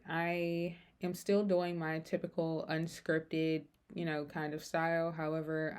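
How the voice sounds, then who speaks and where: A young woman vlogger talking casually and candidly without a script, rambling and halting, her speech slightly impeded by braces. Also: fairly low pitch, a little mellow, clean tone. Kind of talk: unscripted casual personal talk.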